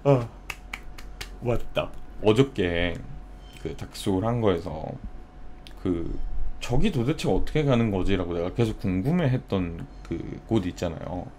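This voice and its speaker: A man's voice: sits low, animated, unhurried, warm tone, slight background noise. A young man streaming, chatting casually and telling a story with acted-out quotes. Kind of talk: casual live-stream chat.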